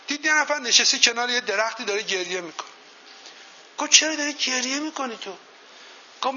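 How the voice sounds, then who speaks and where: Very high-pitched, bright-voiced male motivational speaker. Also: a little hiss or hum. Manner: tells folk anecdotes and quizzes the audience. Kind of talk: motivational seminar talk. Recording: dull lo-fi recording.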